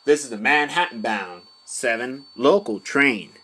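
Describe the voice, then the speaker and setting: A man's voice: medium pitch, animated, unhurried, sharp tone, slightly rough. Man making formal subway announcements.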